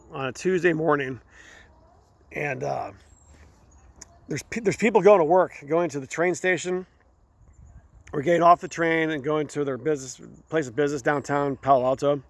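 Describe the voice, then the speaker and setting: Gravelly man telling a raw story. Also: a little high, a bit bright, no room sound. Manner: rambling, halting, repeats words. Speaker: show host. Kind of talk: candid personal storytelling.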